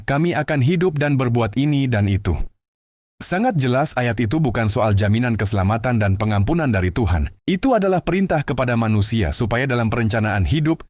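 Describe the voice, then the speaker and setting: A man hosting and narrating scripted commentary in a steady, explanatory way. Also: medium pitch, no room sound, clean studio sound. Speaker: host.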